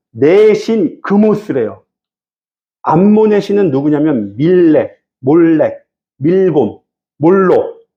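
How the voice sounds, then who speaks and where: A man's voice: high voice, darkish tone, muffled recording. A male pastor preaching a Wednesday evening sermon, teaching verse by verse and speaking directly to the congregation. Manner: conversational, addresses the congregation directly.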